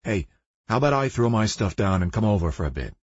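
A man's voice: lowish voice, sing-song, fast talker, husky, dry recording. A man voicing a friendly, easygoing male travel companion. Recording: dull lo-fi recording.

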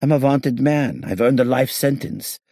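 A man's voice: mid-range voice, moderate pace, dark tone, no echo, studio quality, voice pushed up, close to an everyday voice. A man reading an audiobook, voicing a smug, self-pitying middle-aged male criminal in a raised, whining voice. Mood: wistful.

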